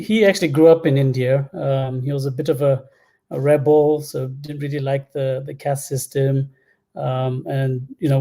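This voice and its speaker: A Zambian man in his thirties, a product executive, appears as an interview guest on a video call from an indoor room at home. His medium-pitched, warm voice tells personal stories in a casual, hesitant way.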